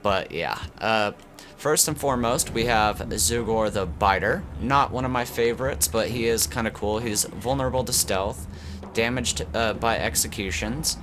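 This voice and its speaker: Congested low-voiced man, talking through a tube. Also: moderate pace, background noise. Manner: rambling, loose, with many fillers and restarts. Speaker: gaming channel host. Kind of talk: casual gameplay commentary.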